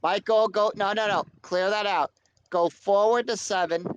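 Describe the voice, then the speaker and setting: A man playing a board game, talking in a relaxed, joking way while calling his moves. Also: high-pitched, normal speed, smooth, lo-fi sound. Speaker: player. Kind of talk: casual game talk.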